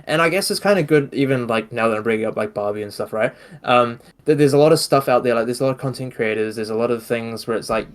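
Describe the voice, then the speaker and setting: A man's voice: mid-range voice, fast talker, hardly any pauses. A man with a New Zealand accent hosting a casual podcast chat, rambling with many fillers and restarts. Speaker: podcast host.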